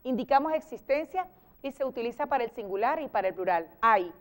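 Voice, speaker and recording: A Venezuelan woman teacher with a smooth, resonant voice pitched a little high. She explains grammar patiently on a TV interview, piling up example sentences. Her delivery turns lively whenever she acts out an example. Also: brisk. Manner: lively, exclaims when acting out examples. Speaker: teacher guest.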